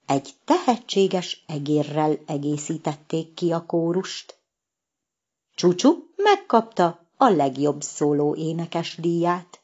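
A woman's voice: fairly low pitch, lo-fi sound. A woman reading a children's story aloud as an audiobook narrator. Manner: expressive, storytelling. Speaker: audiobook reader.

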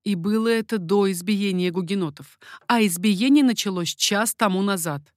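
A woman's voice: medium pitch, normal speed, no room sound, studio quality, natural voice. A woman voicing an anxious young baroness in an audiobook, pleading urgently.

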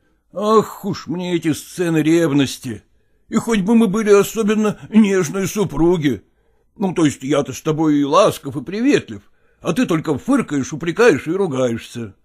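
A man's voice: a little high, expressive, normal speed, pitched below the performer's own voice. A man reading a story aloud, voicing an actor husband who placates his jealous wife, fibs and makes excuses. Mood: placating. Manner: soothing, hesitant, excuse-making. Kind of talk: audiobook character voice.

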